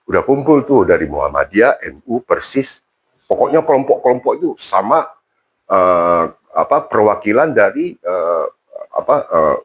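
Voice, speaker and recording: A man's voice: deep voice, creaky, husky. A man telling a personal story casually in an interview, with frequent fillers and restarts. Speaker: interview guest.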